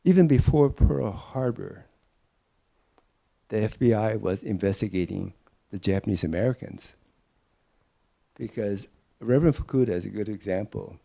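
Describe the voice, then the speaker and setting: An older man from Peru, explaining history thoughtfully in an oral history interview, pausing often with fillers. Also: on the low side, expressive, creaky, dark tone.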